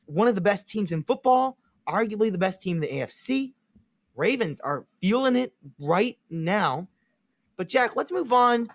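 A man's voice: high-pitched, lively intonation, moderate pace, dry recording. A man with a Chicago accent co-hosting a casual sports podcast, confidently analyzing teams and making predictions. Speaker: podcast co-host.

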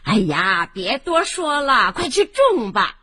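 Woman narrator for a kids' story, high and lively, unhurried, a touch breathy. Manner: expressive and animated, slow-paced.

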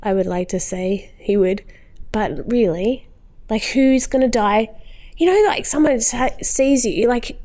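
A woman's voice: fairly high pitch, unhurried, warm tone. A woman guest in an interview, talking about her faith in an earnest, heartfelt and rambling way, with many fillers. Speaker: podcast guest.

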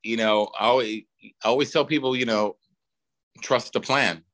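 A man's voice: mid-range voice, moderate pace, fairly bright tone. A middle-aged man talking as a podcast guest in casual chat, rambling with lots of fillers and restarts. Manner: rambling, drawling talk with frequent fillers and restarts.

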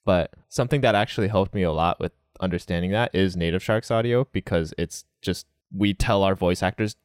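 A young man in a casual interview, talking about learning Japanese, relaxed, often laughing and saying "like". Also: low voice, brisk, clean tone, no echo, studio quality.

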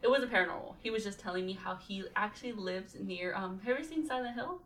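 A woman's voice: mid-range voice, fast talker, a bit bright, poor audio. A young woman hosting a casual podcast, chatting and rambling with lots of fillers and giggles. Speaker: podcast host.

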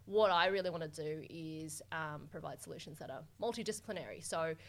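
A woman's voice: low-pitched, brisk. A young woman from Hong Kong, talking candidly and energetically about her work as a business coach in a podcast interview. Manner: energetic, candid, casual swearing.

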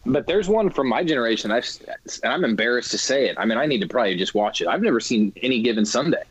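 A man's voice: mid-range voice, expressive, fast talker, breathy edge, no echo, poor audio. A man in his thirties co-hosting a sports podcast in casual chat, rambling with many restarts. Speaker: podcast co-host.

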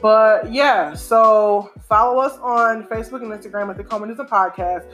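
A woman's voice: a little high, moderate pace, fairly bright tone, lo-fi sound, soft background music. A woman co-hosting a podcast from home, chatting casually and animatedly with an opinionated tone and a lot of "y'all". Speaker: podcast co-host.

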